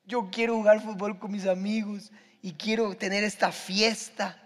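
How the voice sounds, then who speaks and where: A man's voice: high voice, flat delivery, moderate pace, fairly bright tone, voice pushed up. A tearful young boy begs and pleads in a small, raised voice, as a man acts him out. The voice rings with the long reverb of a large hall. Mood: praying.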